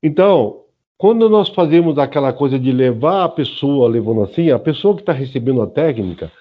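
A Brazilian man in his early seventies, a senior Aikido instructor, explains things informally and didactically as an interview guest, often tacking on checking tags. He speaks fairly quickly in an animated, husky, medium-pitched voice, and the recording has its high frequencies cut off.

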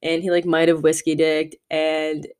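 A young woman in her twenties hosts her own podcast alone, chatting frankly and loosely. Her voice sits a little low for a woman, and she rambles, filling her sentences with casual fillers. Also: monotone, normal speed, a little mellow, clear, resonant tone. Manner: candid, rambling, frequent "like" fillers. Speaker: podcast host. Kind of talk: solo podcast chat.

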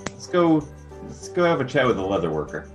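A man as an animated, nagging adventurer friend. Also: mid-range voice, a little fast, faint music behind, lightly acted. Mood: insistent. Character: male adventurer, sensible nagging friend of a drinker. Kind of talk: improvised tabletop role-play.

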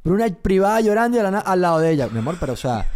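A man's voice: high voice, sing-song, racing, a little mellow. A man in his thirties with a Venezuelan accent, teasing his partner in casual podcast chat. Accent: Venezuelan Spanish. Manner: teasing, self-mocking. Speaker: podcast co-host.

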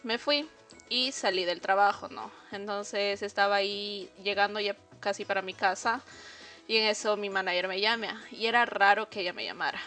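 A young woman, a podcast guest, telling a personal work story in an animated, casual way, full of fillers and asides to her listeners. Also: medium pitch, moderate pace, faint music behind.

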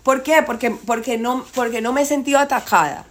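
A woman's voice: high voice, fairly quick. A woman talking insistently in a casual debate, repeating herself to drive points home.

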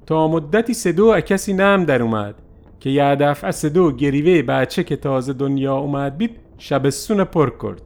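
A man narrating a first-person story in a lively, animated way. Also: fairly high pitch.

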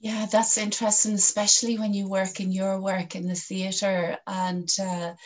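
Middle aged irish lady, west / northwest of ireland accent, podcast host chatting with her guest, mid pitched voice. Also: little pitch movement, normal speed. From County Donegal, northwest Ireland. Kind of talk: conversational podcast interview.

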